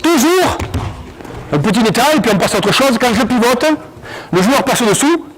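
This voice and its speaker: Animated high-voiced male basketball coach. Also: poor audio. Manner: animated, barking quick commands to players. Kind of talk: on-court coaching session. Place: indoor basketball court.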